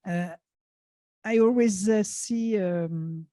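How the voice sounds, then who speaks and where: A woman moderating a talk and answering an audience question, measured and hesitant. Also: medium pitch, dark tone, dry recording, studio quality.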